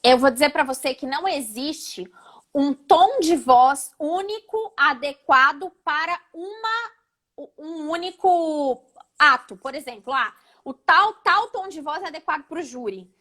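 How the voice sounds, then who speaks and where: A woman with a high voice teaching public speaking in a live online session. She explains things step by step and often shows what she means by shifting her intonation. She sounds like she is on a video call. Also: lively intonation, unhurried, sharp tone. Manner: didactic, demonstrates intonations. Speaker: oratory instructor, guest speaker.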